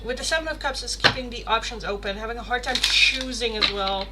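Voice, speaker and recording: Hosting a live tarot stream, a woman from the Netherlands whose first language is Dutch chats with her viewers in a chatty, expressive way, dropping playful swears. She speaks briskly with a voice on the high side, and background noise is clearly audible.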